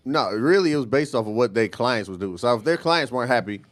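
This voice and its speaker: A man's voice: mid-range voice, lively intonation, fast talker. A man in his thirties, a stand-up comedian chatting casually on a talk show, telling stories in a laid-back way with frequent restarts. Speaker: comedian guest. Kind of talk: casual chat.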